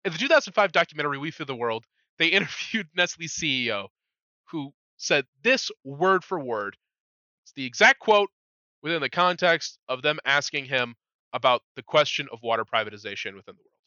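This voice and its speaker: Bright-voiced, profane podcast host. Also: male voice, fairly high pitch, lively intonation, brisk, no echo, dull audio. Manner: profane, wry, jokey narration. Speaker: podcast host presenting a segment. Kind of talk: casual podcast chat.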